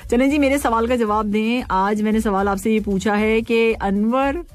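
A woman hosting a casual radio show, reading listener messages, playful and quick to laugh and tease. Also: fairly high pitch, dry recording, soft background music. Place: radio studio.

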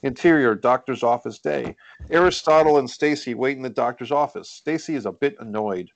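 Hosting a script read indoors on a group video call, a man narrates the stage directions briskly in a mid-range voice with vocal fry. No room sound is audible.

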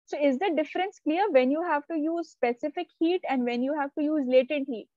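A high-pitched woman teacher with a soft, mellow tone. She explains step by step and keeps checking that her students follow. The sound is dull and lo-fi, like online class audio, and very dry. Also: brisk, no echo. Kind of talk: live online class lecture.

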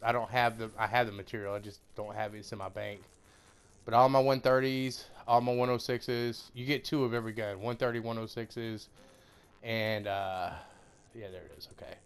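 A man's voice: medium pitch, slight background noise. A man who makes gaming videos, talking casually to his viewers in an informal, buddy-like way. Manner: informal, familiar buddy-like address. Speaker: gaming YouTuber.

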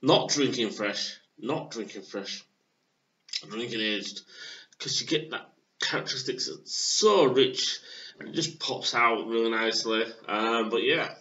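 A man in his thirties from England, casually reviewing a beer at home on a webcam, with plenty of hesitant fillers. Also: mid-range voice. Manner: halting, filler-heavy, relaxed. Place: small room at home. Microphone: webcam at desk. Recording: dull lo-fi webcam audio.

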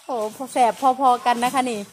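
A woman, chatting and teasing as she narrates outdoors. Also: moderate pace. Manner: chatty, teasing, polite particles. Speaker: vlogger narrating elephant calves. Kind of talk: casual on-the-spot commentary. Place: outdoors at an animal pen.

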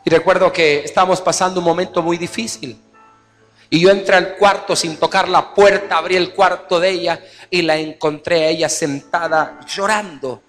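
A fairly high-voiced male pastor preaching with passion. He acts out mothers' words in a lively voice. His voice rings through a reverberant church hall with soft music underneath. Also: normal speed. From Guatemala. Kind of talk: sermon. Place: church service.

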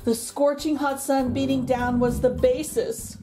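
This channel host and children's story reader is a middle-aged woman with a high-pitched voice and a flat delivery, heard over music. Reading a picture book aloud to kids, she keeps a theatrical rhythm and draws out each line ending.

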